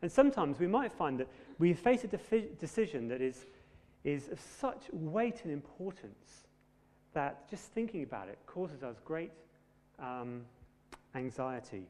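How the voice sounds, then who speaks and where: A man preaching a sermon in a conversational, gently humorous way. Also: on the high side, big pitch swings, measured pace. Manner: conversational, self-deprecating humour. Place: church. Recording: long hall reverb.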